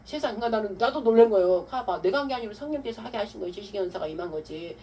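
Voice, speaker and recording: A woman pastor giving a testimony-style sermon, telling her story with animated, acted-out quotes. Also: medium pitch, very fast. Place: church hall. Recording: distant mic with faint room noise.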